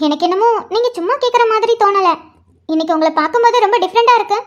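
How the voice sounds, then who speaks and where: A woman voicing a caring young woman who asks a friend probing, gently persistent questions in a cartoon. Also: very high-pitched, rapid-fire, lo-fi sound. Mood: curious.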